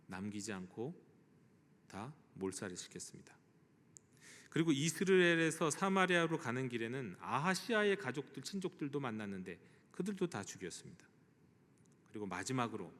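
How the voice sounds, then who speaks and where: A man's voice: mid-range voice, fairly bright tone. A male pastor preaching a sermon, retelling a story with vivid quoted speech. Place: church sanctuary. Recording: church hall reverb.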